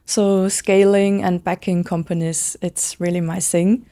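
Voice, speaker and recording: A woman in her thirties from Switzerland, chatting in an interview as a founder, eager and quick with lots of casual fillers. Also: fairly low pitch, flat delivery, dark tone. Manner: fast, enthusiastic, many "like" fillers. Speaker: guest, brand founder.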